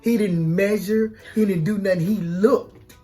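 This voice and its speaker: A woman's voice: mid-range voice, fairly even intonation, unhurried, dark tone, faint music behind. A woman chatting casually as a vlog co-host, folksy and repeating phrases for emphasis. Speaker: co-host of a couple's mukbang vlog. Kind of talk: casual chat.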